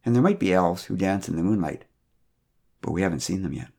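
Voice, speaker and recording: A man narrating a storytelling podcast in a gentle, wry manner. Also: low voice, expressive, a little fast, vocal fry, slightly rough.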